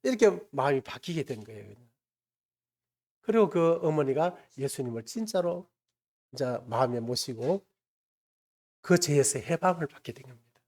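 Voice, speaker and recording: A man's voice: fairly high pitch, lively intonation, moderate pace, pauses often, a little mellow. Male pastor, sermon delivery, storytelling with acted-out voices. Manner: storytelling, acts out quoted voices. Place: church sanctuary.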